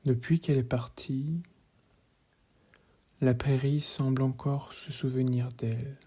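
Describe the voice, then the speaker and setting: A man leading a guided relaxation meditation in a calm, measured voice, soft and hushed, often slipping into a whisper. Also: medium pitch. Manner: calm, measured, gently instructive.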